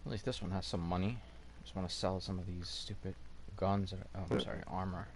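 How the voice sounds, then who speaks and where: A man's voice: low voice, level tone, fast talker, a little hiss or hum. Rambling male game streamer. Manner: rambling, full of fillers and restarts. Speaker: livestream gamer host. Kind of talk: casual gameplay commentary. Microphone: gaming headset.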